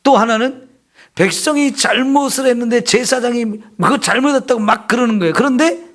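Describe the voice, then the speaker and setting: A man's voice: extremely high pitch, a little fast, a bit bright. A middle-aged male pastor preaching an emphatic sermon in a church, acting out confessions in a raised voice.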